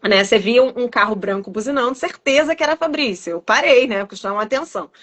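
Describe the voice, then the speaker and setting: Woman psychologist, mom, kinda high voice, chatty podcast style, tells stories acting out who said what. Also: fast. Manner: lively storyteller who acts out remembered exchanges. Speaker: psychologist and mother. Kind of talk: casual podcast conversation.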